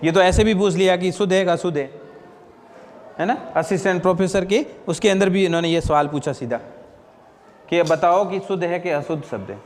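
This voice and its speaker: A man's voice: high voice, fairly quick, long reverb tail. A man teaching Hindi grammar in a classroom lecture, often asking his students questions and answering them himself. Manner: asks and answers own questions, repeats "ठीक है ना?".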